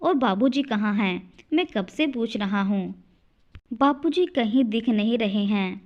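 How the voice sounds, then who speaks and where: A woman voicing an affectionate young adult son who greets his parents warmly. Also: on the high side, animated, a little slow, lo-fi sound. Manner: warm toward his parents, firm.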